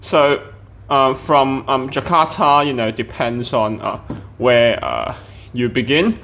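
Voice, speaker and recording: A man's voice: medium pitch, slow pace, vocal fry, fairly bright tone. A man from Hong Kong narrating a travel vlog outdoors near a train station, hesitant, with many ums and uhs. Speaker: travel vlogger.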